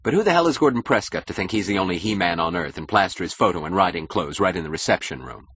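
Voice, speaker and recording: A man's voice: sits low, animated, fast talker, fairly bright tone, breathy edge, no room sound, full character voice. A man voicing an insecure, status-hungry young husband who talks eagerly and boastfully in an audiobook. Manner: eager, boastful, nervously defensive. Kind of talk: audiobook character voice.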